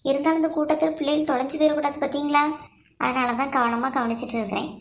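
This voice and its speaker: A harried young mother in a cartoon, voiced by a woman. She talks fast. She explains and pleads with her mother-in-law. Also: high voice, steady tone. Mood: explaining.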